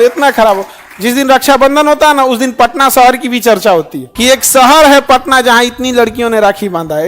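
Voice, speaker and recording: A man's voice: very high-pitched, a bit bright. A man with a Bihari Hindi accent, a teacher addressing his class and often putting rhetorical questions to the audience.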